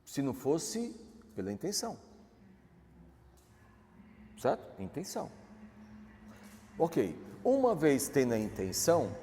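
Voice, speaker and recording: Man, pastor, Brazilian accent, lively pitch, conversational sermon, reverberant hall. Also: takes it slowly, long pauses, slight background noise. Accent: Brazilian Portuguese. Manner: conversational, asks the audience questions. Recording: church hall with long reverb.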